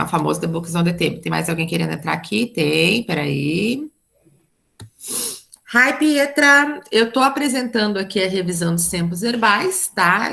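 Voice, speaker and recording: Brazilian woman English teacher, patient and repetitive, creaky gravelly voice, computer mic. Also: medium pitch, bright, forceful tone. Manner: patient, repeats with "né?" and "tá?". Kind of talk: online class explanation.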